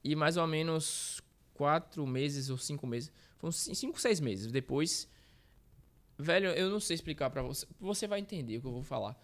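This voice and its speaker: A man's voice: a little high, animated, normal speed. A man in his thirties from Bahia, Brazil, a guest telling his life story in a casual interview, rambling and correcting himself as he goes. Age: 30s. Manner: rambling, self-correcting, uses slang fillers. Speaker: guest, street reporter.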